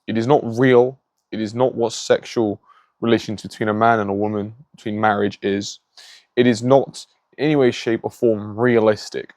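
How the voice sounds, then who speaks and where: A man's voice: fairly low pitch, fairly even intonation, moderate pace, darkish tone, dry recording, studio quality. A man hosting a faith-based vlog, speaking earnestly and moralizing from his home by a garden pond, with frequent restarts. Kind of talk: casual spoken monologue. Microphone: phone.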